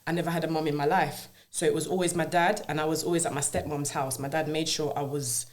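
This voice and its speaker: A Jamaican woman with a fairly low, darkish, level voice appears as a podcast guest, sharing her life story in a casual interview on a studio mic. She is earnest and reflective, often pausing to ask "you know what I mean".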